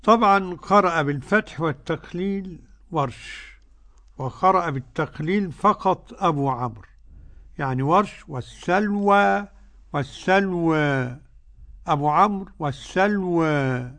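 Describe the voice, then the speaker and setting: An older man with an Egyptian Arabic accent teaching Quran readings, explaining the rules quickly and reciting verses slowly and drawn out. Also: a little high, sharp tone.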